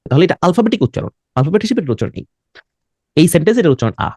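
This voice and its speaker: A man's voice: fairly high pitch, very animated, racing, a little mellow, slightly rough, no echo, clean studio sound. A man with a Bangladeshi accent teaching an English pronunciation class, switching between English and Bengali and quizzing his students. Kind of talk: classroom lesson.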